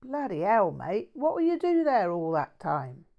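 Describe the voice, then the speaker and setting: A woman's voice: mid-range voice, big pitch swings, a little slow, highs cut off. A woman voicing a brash, cheeky working-class man in an audiobook story, with a blunt, matey, slangy way of talking.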